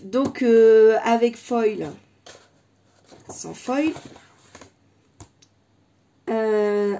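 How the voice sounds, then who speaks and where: A woman's voice: on the high side, dark tone, a little hiss or hum. A woman in her thirties from France, chatting casually and rambling with lots of fillers and restarts in a haul vlog from her desk at home. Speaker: scrapbooking YouTuber.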